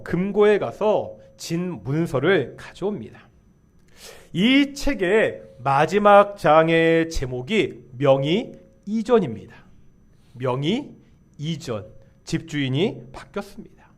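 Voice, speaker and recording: A man preaching a Sunday sermon as pastor in a church, leading the congregation in responses. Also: on the high side. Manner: leads the congregation in call-and-response. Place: church sanctuary.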